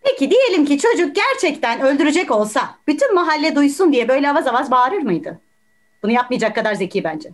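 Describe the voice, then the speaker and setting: A woman playing a calm juror who questions the evidence, speaking through a video call. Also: high-pitched, quick pace. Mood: reasoning. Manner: reasoning, questioning, patient. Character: calm, persuasive juror doubting a guilty verdict. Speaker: juror in an online amateur play. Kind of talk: amateur video-call stage acting.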